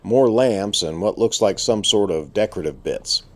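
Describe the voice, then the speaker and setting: A man's voice: on the low side, lively intonation, moderate pace. A man narrating an exploration in a casual, dry way, his voice muffled by a respirator with audible breathing. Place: inside a burned abandoned hotel.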